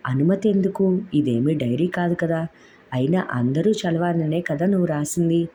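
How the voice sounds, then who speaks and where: A woman storyteller voicing an affectionate young husband who teases and coaxes his wife, with a raised, playful pitch. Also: unhurried, warm tone, slight background noise, natural voice. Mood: teasing. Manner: coaxing, playfully pleading.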